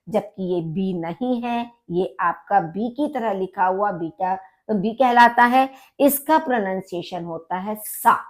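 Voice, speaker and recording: A woman teaching vocabulary, saying each word slowly and loudly twice, then explaining the pronunciation more quietly. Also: a little high. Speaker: language teacher. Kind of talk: vocabulary lesson, slow repetition.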